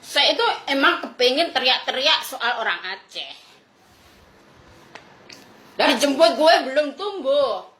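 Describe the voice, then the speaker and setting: A brash woman with a high, bright voice rants angrily on a livestream, mocking and swearing as she goes. Her pitch swings widely and she lets out scornful laughs. The sound is echoey, as in a hard-walled room. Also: lively intonation, unhurried, long pauses. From Indonesia. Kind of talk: angry livestream rant.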